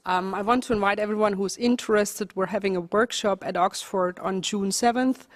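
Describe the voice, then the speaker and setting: A woman speaking on a conference panel, explaining her research earnestly in quick runs, with occasional restarts. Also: medium pitch, fairly even intonation, dry recording. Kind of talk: conference presentation and answers.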